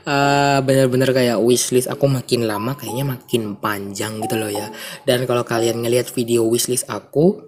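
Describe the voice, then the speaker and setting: A man's voice: medium pitch, fairly even intonation, normal speed, darkish tone, soft background music. A young man with an Indonesian accent and a congested, stuffy nose, chatting casually to viewers as a book vlogger and slipping in English phrases.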